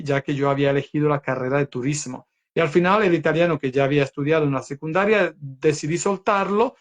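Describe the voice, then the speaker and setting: A young man from Croatia, speaking in a learned second language as an interview guest, telling his story earnestly and reflectively, with many fillers. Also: on the high side.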